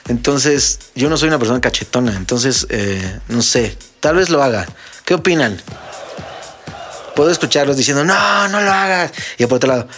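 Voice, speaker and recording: A young Mexican man talks through a relaxed solo podcast, joking and telling stories to his listeners. His pitch sits at a middling height. Faint music plays behind him. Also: normal speed. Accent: Mexican Spanish. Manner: joking, storytelling, addresses listeners as friends. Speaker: podcast host and DJ. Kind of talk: casual solo podcast monologue.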